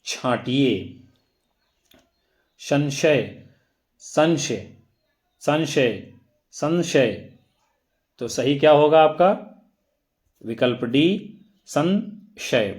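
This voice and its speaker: A male teacher going through exam questions, reading out each option slowly and then explaining the answer. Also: mid-range voice, a little mellow. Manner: slow, deliberate, reads out options one by one. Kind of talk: exam-prep lesson.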